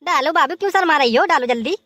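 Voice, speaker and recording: A woman's voice: sits high, lively intonation, quick pace, a bit bright. A woman voicing a boastful, broke young groom in a comic cartoon, coaxing and breezy as he talks his way out of things.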